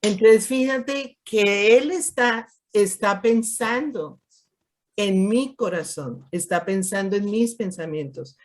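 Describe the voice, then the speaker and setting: A woman teaching scripture to a small group, in a voice pitched right in the middle. She talks it through casually, stacking rhetorical questions and slipping into the voices of people she quotes. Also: slow pace. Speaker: Bible study teacher. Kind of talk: conversational Bible teaching.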